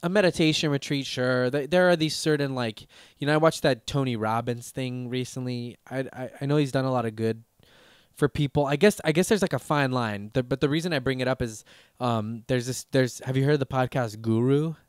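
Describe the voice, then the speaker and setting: A man's voice: medium pitch, brisk, clear, resonant tone, no echo, studio quality. A man in his thirties hosting a podcast, talking casually in a rambling way with lots of fillers, restarts and swearing. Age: 30s. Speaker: podcast host.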